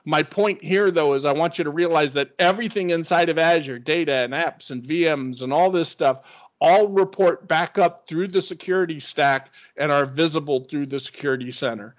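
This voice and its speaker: A man's voice: on the high side, moderate pace. A man presenting a screen-share tech webinar, explaining in an enthusiastic, conversational way. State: hiccups. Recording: dull lo-fi webinar audio.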